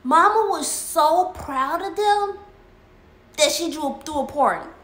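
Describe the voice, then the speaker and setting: High-voiced woman telling a story. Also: takes it slowly. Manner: animated, acts out lines and dog barks. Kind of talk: casual spoken storytelling. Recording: echoey room with faint noise.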